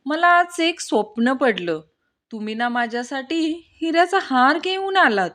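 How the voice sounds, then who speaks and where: A woman's voice: high voice, expressive, fairly bright tone. A woman reading a string of short jokes aloud and lightly voicing the characters. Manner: reads each line slowly, lightly voicing the characters. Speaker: joke narrator.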